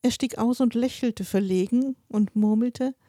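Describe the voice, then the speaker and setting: A woman reading a dark short story aloud as its narrator, with expressive delivery that shifts pace with the tension. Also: a little high, measured pace, dry recording, clean studio sound.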